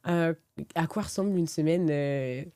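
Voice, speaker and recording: A woman's voice: low voice, a little slow, dark tone, clear, resonant tone, no echo, clean studio sound. A woman interviewing a guest in a casual style, listening attentively and giving frequent short acknowledgements.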